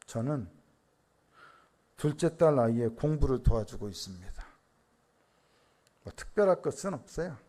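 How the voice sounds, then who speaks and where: A man's voice: medium pitch, warm tone. A middle-aged man preaching a Sunday sermon. He asks the congregation questions, answers them himself, and tells stories about his family. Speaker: senior pastor.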